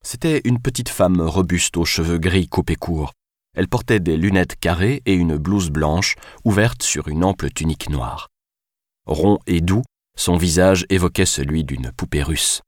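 A man narrating a novel as an audiobook in a measured, even way. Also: low-pitched, dry recording, clean studio sound.

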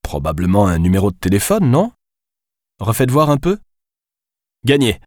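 A man's voice: lowish voice, wildly swooping pitch, normal speed, darkish tone, no room sound, studio quality. A man voicing a sarcastic, teasing man who mocks his companion. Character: sarcastic man in handcuffs, mocking.

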